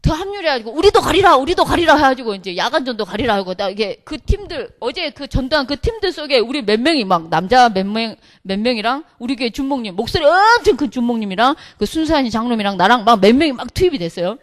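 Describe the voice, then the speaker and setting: A middle-aged woman, a pastor's wife, telling a humorous church testimony with lively storytelling, acting out what others said. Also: a little high, fast, hardly any pauses. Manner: lively storytelling, acts out quotes, laughs often.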